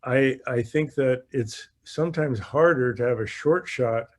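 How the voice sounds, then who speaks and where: A man coaches golf in a live online Q&A, explaining conversationally and often going back over the same phrases. His voice is medium-pitched and unhurried.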